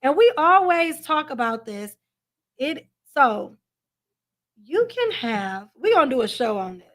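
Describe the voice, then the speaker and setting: A woman's voice: sits high, very animated, unhurried, fairly bright tone. A woman in her forties co-hosting a livestream from her home, chatting casually, laughing often and repeating phrases for emphasis. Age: 40s. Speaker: livestream co-host. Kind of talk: casual chat.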